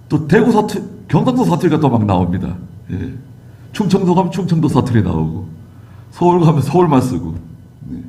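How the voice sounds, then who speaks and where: A man's voice: mid-range voice, mellow. A male Korean pastor preaching a sermon, moving from chatty personal asides to emphatic exhortation of the congregation. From South Korea. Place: church sanctuary.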